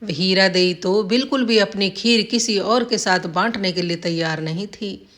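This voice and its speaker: A woman storyteller giving scripted, expressive narration of a folksy village tale. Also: medium pitch, unhurried.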